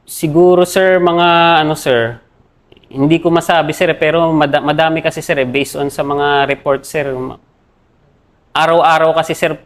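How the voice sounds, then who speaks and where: Deferential young Filipino army officer. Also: male voice, fairly high pitch, steady tone. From Philippines. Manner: deferential, says "sir" after nearly every phrase, halting. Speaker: army captain, interview guest. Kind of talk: interview recounting combat.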